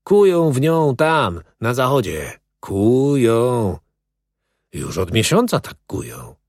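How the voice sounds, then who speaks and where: A man's voice: medium pitch, sing-song, takes it slowly, vocal fry, no room sound, clean studio sound, pitched above the performer's own voice, full character voice. A man voicing a weary, bitter male prisoner who talks in a brooding, resigned way.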